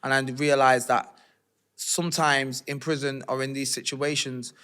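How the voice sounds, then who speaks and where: A man, an interview guest telling his life story in a candid, animated, slangy way. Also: mid-range voice, normal speed, clear, resonant tone. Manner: streetwise, animated, slangy retelling with acted-out quotes.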